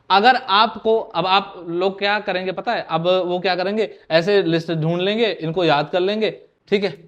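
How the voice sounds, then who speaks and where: A man with a high-pitched voice teaches an exam-prep class online. He keeps asking his students questions and answers them himself, drilling each point. He mixes words into his speech. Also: highs cut off. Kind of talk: online lecture.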